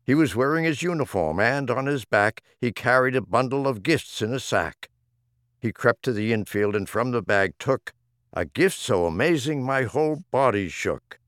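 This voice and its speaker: Reading comic rhymes as an audiobook narrator, a man delivers them theatrically and rhythmically. His medium-pitched voice is animated and fairly bright, moving at normal speed, and the studio recording is dry.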